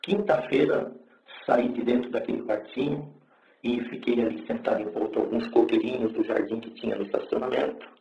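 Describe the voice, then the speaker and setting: A man's voice: medium pitch, steady tone, brisk, gravelly, a little hiss or hum. A middle-aged man gives a testimony sermon in a church, telling his story in a colloquial, plain-spoken way. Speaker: preacher giving his testimony. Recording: echoey, dull lo-fi recording.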